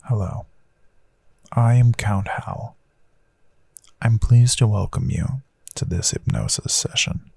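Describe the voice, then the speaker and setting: Acted by a man, the Count is a gentle, calm and reassuring hypnotist murmuring a slow, hushed guided hypnosis meditation for ASMR as an audio host. His fairly low, exaggerated voice is very husky and breathy, full of gravelly fry and often slipping into whisper, with a crisp bright edge. Soothing and deliberate, he leaves long pauses; the recording is dry.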